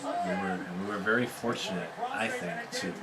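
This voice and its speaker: A man's voice: low-pitched, normal speed, a loud crowd. A man co-hosting a casual wrestling reaction chat, enthusiastic and laughing while he tells stories. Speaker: co-host of a wrestling reaction show.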